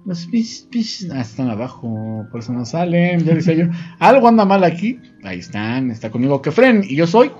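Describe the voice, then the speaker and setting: A man's voice: a little high, big pitch swings, moderate pace, hardly any pauses, a little mellow, lo-fi sound, faint music behind. A man with a Mexican accent co-hosting a casual gameplay video, joking and rambling in slangy banter. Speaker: gameplay co-host.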